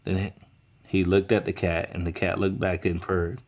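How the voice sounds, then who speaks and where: A man's voice: sits low, level tone, normal speed. A man reading a children's picture book aloud, now and then stumbling and restarting over words. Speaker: reader.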